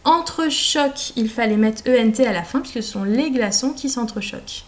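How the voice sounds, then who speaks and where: A woman speaking as a French teacher, carefully enunciating in a didactic, deliberate way as she dictates and explains. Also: a little high. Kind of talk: slow, articulated classroom dictation and explanation.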